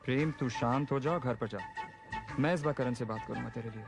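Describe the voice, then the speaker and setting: An actor playing a bank officer friend who tries to calm and hush a shouting pal in a film scene. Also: male voice, medium pitch, brisk, vocal fry, lightly acted. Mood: placating. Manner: soothing, hushed, trying to calm someone. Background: film score music.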